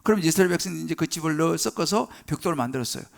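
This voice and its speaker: A male pastor preaching a sermon in a church, conversational and animated, asking the congregation questions and acting out Bible scenes. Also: a little high, racing, vocal fry.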